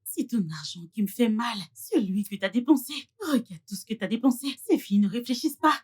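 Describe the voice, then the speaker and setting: A husky scheming girlfriend. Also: a little high, lively intonation, a little fast, a little mellow. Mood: falsely soothing. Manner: scornful, needling. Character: scheming, contemptuous young woman, Zaid's girlfriend. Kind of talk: French-dubbed film drama.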